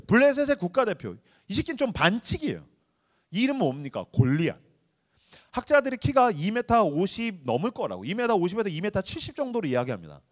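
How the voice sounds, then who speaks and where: A male pastor preaching to a youth retreat, talking casually, joking and acting out little dialogues. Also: high-pitched. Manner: animated, acts out dialogues, joking slang.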